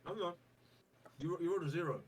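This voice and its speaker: A man's voice: a little high, brisk, husky. Playful man running a tabletop game. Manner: playful, laughing narration. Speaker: game master. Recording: distant mic with faint background noise.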